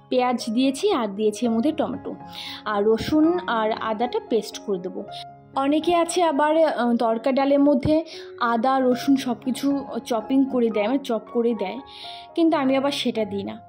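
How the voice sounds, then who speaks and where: A slightly hoarse woman narrating her home cooking vlog in a chatty way, talking straight to viewers with plenty of fillers. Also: fairly high pitch, brisk, a little mellow, faint music behind. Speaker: cooking vlogger. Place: home kitchen.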